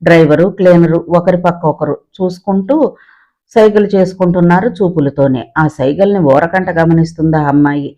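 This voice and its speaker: A man narrating a story in a lively, descriptive storytelling manner. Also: fairly high pitch, a little fast, dull audio.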